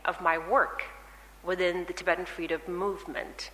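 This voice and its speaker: A woman from Nepal answering on a panel in a measured, emphatic way. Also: on the low side, little pitch movement, a bit bright, slight background noise. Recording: echoey hall.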